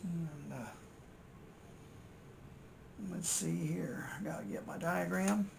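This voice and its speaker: An older American man, an electronics repair hobbyist and video host, mutters casual narration as he works at an indoor repair workbench, thinking aloud in a folksy way. His voice is fairly high-pitched, slow and creaky. The home-made workbench recording carries steady noise.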